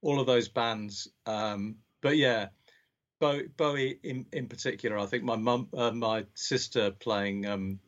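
Halting home counties Englishman in his sixties, muffled. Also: medium pitch, steady tone. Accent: southern English, home counties. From born in Scotland, grew up in Berkshire, England. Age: 60s. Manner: halting, repeats words as he starts sentences. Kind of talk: casual chat, reminiscing. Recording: dull, muffled lo-fi sound.

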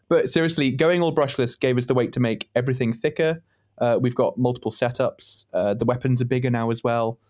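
A man's voice: mid-range voice, fairly even intonation, brisk, darkish tone. A man on a robot-fighting team, joking and laughing often in casual podcast chat. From United Kingdom.

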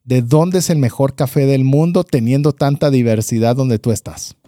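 Mellow-voiced male podcast host. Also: mid-range voice, moderate pace, no echo, clean studio sound. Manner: friendly, hesitant, with many repeated words. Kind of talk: conversational interview.

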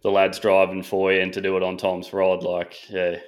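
A man's voice: sits low, completely flat delivery, moderate pace. A man with an Australian accent chatting casually as a podcast host, easygoing and matey. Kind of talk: casual interview chat.

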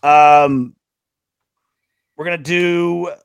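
A man's voice: on the high side, fairly even intonation, extremely slow, gravelly, smooth, no room sound, dull audio. A man hosting a podcast, chatting casually about football with a wry, joking manner. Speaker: podcast host. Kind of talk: casual sports talk.

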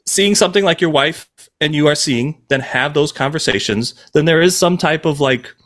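A man co-hosting a podcast, speaking thoughtfully and hesitantly, often pausing to find his words and filling gaps with "like". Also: fairly high pitch, fairly bright tone. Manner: frequent filler "like". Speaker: podcast co-host. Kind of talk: casual podcast chat.

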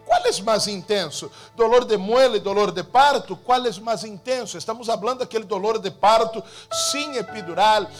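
A pastor preaching a sermon, asking repeated rhetorical questions and slowing down to stress key phrases. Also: male voice, sits high, soft background music.

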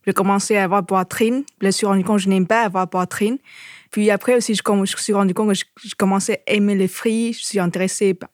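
A woman's voice: mid-range voice, steady tone, fast talker, dry recording, clean studio sound. Hesitant woman from Southeast Asia. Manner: hesitant, with frequent restarts and repeated words. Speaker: interviewee. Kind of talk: personal testimony.

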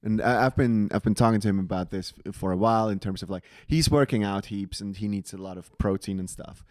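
A man's voice: lowish voice, fairly quick, no room sound, clean studio sound. A man from Switzerland co-hosting a podcast, telling stories in casual chat with plenty of swearing. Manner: swearing, animated storytelling. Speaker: podcast co-host.

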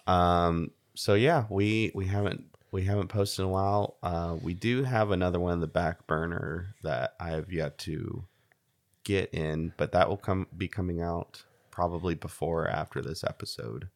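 A young American man co-hosting a casual podcast in a halting, jokey way, often restarting his sentences. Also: deep voice, fairly even intonation. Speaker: podcast co-host. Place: home studio in a house.

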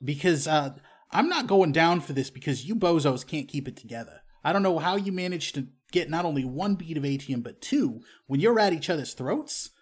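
A man's voice: a little high, expressive, fairly quick, slightly rough. A man playing an exasperated crime crew leader in a tabletop game, stern and lecturing.

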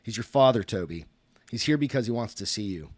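A man reading as a weary, monotone mother. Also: lowish voice, a little fast, no echo. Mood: flat. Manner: flat, monotone. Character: weary mother, tired and soothing.

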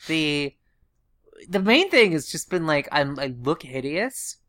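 A woman chatting casually in a halting, self-deprecating way, her speech slightly impeded as if her mouth is sore after surgery. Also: sits low, sing-song, fairly bright tone, no echo, clean studio sound. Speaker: vlogger recounting surgery recovery. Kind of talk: casual chat, personal video diary.

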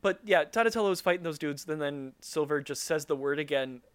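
A man with a high voice talks through a cartoon episode in casual podcast chat. He sounds wry and a little rambling, and laughs often. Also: fairly quick, smooth. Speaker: podcast co-host recapping a cartoon.

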